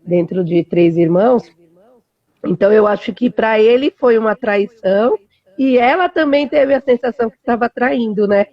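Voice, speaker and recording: Woman host, slightly high voice, casual reflective chat, dry lo-fi sound. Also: moderate pace, no echo. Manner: casual and reflective, peppered with "né" and slang. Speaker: host and human development coach.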